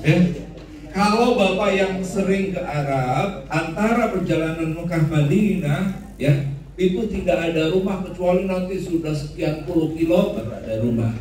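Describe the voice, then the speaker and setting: A man's voice: high-pitched, moderate pace. Man lecturing in an echoey room. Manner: lively, joking, asks the room questions. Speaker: instructor. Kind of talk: classroom lecture with audience questions. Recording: echoey room, voice from far off the mic.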